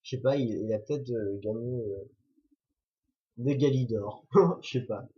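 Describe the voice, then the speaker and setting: A man's voice: mid-range voice, a little slow, dark tone, slightly rough. A man reviewing a toy set in a chatty, jokey way, correcting himself as he goes. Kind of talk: casual building commentary. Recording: dull lo-fi recording.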